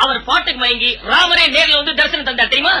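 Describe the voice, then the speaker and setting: A man playing a broke music teacher and squabbling husband, full of quick punning comebacks, in a comedy audio drama. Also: very high voice, pushed and bright, heavily acted, poor audio. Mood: bickering.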